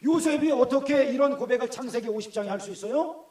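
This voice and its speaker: High-voiced Gyeongsang pastor, echoey hall. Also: male voice, fast talker, a little mellow. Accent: Gyeongsang Korean. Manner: conversational, asks the congregation questions. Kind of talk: sermon. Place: church hall. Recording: echoey church room.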